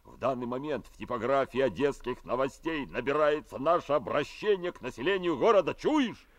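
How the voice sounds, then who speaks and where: A male revolutionary committee leader in a radio play, acted by a man. His delivery is very animated and dry in sound. He is hearty, folksy and businesslike. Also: medium pitch, a little fast, no room sound, lightly acted. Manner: folksy, comradely. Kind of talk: radio drama acting.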